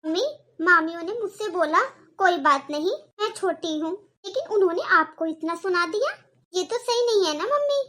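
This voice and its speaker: A woman's voice: very high voice, expressive, moderate pace, sharp tone, a little hiss or hum, heavily acted. A woman voicing an outspoken young girl in a cartoon, pleading earnestly with her family. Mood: indignant. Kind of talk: cartoon voice acting.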